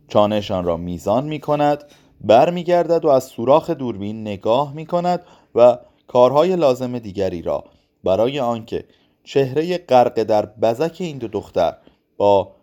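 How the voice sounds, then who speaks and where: Calm man reading a novel aloud. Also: on the low side, muffled recording. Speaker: audiobook narrator. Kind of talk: literary audiobook narration.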